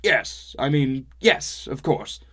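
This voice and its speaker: A man's voice: medium pitch, lively intonation, slow, pushed and bright, pitched above the performer's own voice, heavily acted. A man voicing a cheerful male dwarf who talks in an eager, slightly hesitant way.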